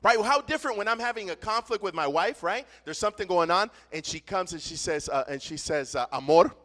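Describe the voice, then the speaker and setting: Animated bilingual preacher in a hall. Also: male voice, high-pitched, moderate pace. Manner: animated, rises loud then drops soft, frequent "right?". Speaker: pastor. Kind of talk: bilingual sermon, preaching then repeating in English. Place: church sanctuary. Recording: long church hall reverb.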